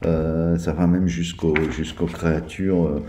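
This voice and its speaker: A man's voice: deep voice, little pitch movement, measured pace, dark tone, a little hiss or hum. A man reviewing a tabletop game book in a casual, hesitant way, with many fillers and restarts. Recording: echoey room.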